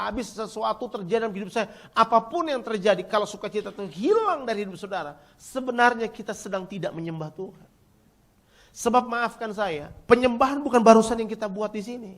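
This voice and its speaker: Man, pastor, high voice, emphatic sermon, loud peaks and hushed stretches, calls out to the congregation. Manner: emphatic preaching, rising to near-shouts, then dropping quiet; addresses congregation directly, asks for replies.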